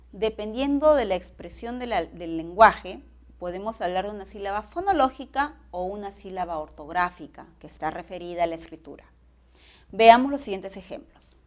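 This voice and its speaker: A woman with a Peruvian accent teaching a pre-university class, explaining each step in a measured way. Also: mid-range voice. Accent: Peruvian Spanish. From Peru. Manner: measured, explanatory, spells out syllable patterns.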